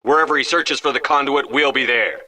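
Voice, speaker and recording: An actor voicing a resolute, stern starship commander in a video game, with a firm, controlled, commanding delivery. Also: male voice, mid-range voice, brisk, sharp tone. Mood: rousing, determined.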